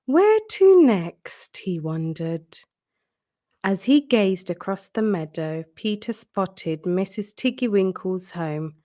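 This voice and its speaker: A woman reads a children's storybook aloud with deliberate, expressive storytelling. Her voice sits on the lower side.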